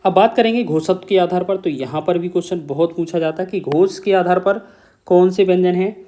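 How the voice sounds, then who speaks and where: A man's voice: high-pitched, a little fast, mellow. Man, teacher, exam-prep grammar lesson, step-by-step explaining, repeats key terms, checks in with students.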